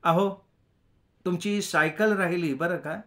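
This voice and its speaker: A man voicing a polite middle-aged householder who soothes and smooths things over. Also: high-pitched, slow pace, a bit bright, voice pushed up. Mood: placating. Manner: soothing, courteous.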